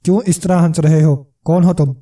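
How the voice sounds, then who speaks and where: A man's voice: fairly high pitch, fairly even intonation, mellow, recorded from a distance, close to an everyday voice. A man voicing a boastful, scrawny male trickster who blusters and flares up in anger, in a storybook reading.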